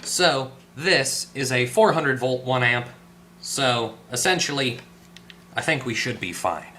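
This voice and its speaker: A man hosting a hands-on electronics repair tutorial speaks at a medium pitch, animated but taking it slowly, with a sharp tone and a little hiss or hum on the recording. He explains casually and off the cuff, thinking out loud and correcting himself as he goes.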